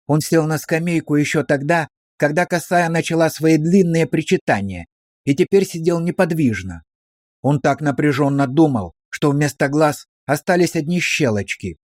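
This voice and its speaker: A man's voice: on the high side, animated, normal speed, a little mellow, dry recording. Man narrating an audiobook, dry close sound.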